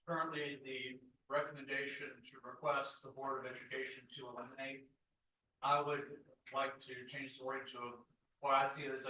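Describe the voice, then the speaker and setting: A man on an advisory board proposing wording changes in a measured, deliberate way at a public meeting. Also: mid-range voice, pushed and bright, far from the mic, a little hiss or hum. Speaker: board member. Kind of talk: formal meeting discussion. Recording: echoey meeting room.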